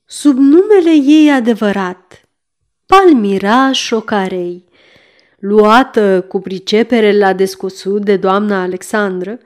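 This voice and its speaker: Lady reading an old novel out loud, steady and expressive, middle pitch. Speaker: audiobook narrator. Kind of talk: scripted narration.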